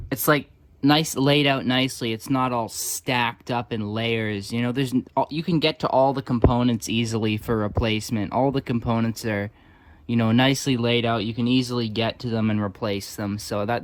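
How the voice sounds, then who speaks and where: This video host and hobbyist restorer talks casually at his workbench, tossing out sarcastic, wry asides under his breath. His mid-range voice keeps a steady tone at normal speed.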